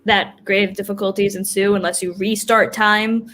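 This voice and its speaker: A woman's voice: mid-range voice, flat delivery, moderate pace, fairly bright tone, slight background noise, natural voice. A woman playing Death as a prim, businesslike, easily affronted figure in a staged play reading, with formal, clipped speech. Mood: stern, formal.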